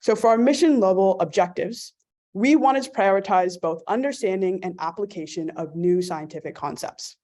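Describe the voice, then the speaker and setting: A woman's voice: mid-range voice, moderate pace, warm tone. Woman presenting a student project. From California. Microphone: video call.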